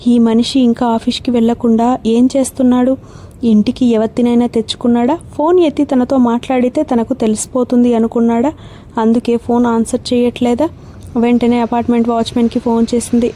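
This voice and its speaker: Mellow-voiced woman narrating a crime novel. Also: fairly high pitch, fairly quick. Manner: steady storytelling. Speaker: audiobook narrator.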